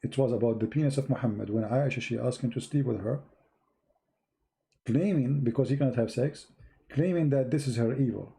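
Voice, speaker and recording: A fairly quick, creaky, dark mid-range voice belongs to a man streaming a religious talk online in English. He is blunt and emphatic, repeating words to drive points home, with non-native grammar.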